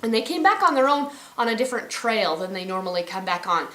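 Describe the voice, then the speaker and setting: A woman's voice: mid-range voice, very animated, fast, pushed and bright, echoey room. A woman vlogging from her ranch, telling a story casually and rambling, often correcting herself. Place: outdoors on a ranch.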